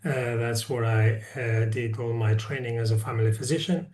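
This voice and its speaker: A man's voice: mid-range voice, fairly even intonation, normal speed, darkish tone. Hesitant Spanish-born man, distant and echoey. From Spain. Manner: many hesitant fillers. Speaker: election candidate, family medicine professor. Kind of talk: self-introduction. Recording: echoey room, distant from the mic.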